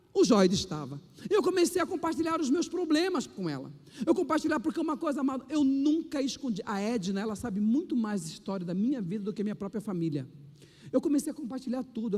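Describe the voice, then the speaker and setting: High-pitched preacher in echoing church. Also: male voice. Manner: animated, preacherly, acts out quotes with voice shifts. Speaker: pastor. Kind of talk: testimony sermon. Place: church hall. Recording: long hall reverb.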